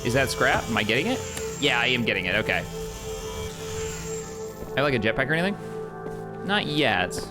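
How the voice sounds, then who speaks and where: A man's voice: medium pitch, sing-song, normal speed, long pauses, over music. A man streaming a game live, chatting casually, reading on-screen prompts aloud and answering his chat. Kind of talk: casual live gameplay commentary.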